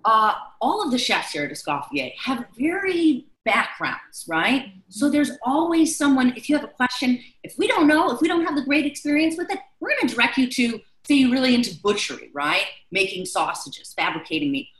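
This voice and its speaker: A woman's voice: high voice, sing-song, moderate pace, hardly any pauses, fairly bright tone, reverberant, poor audio. A woman chef instructor from Chicago leading a live online class, chatty and loose with many fillers.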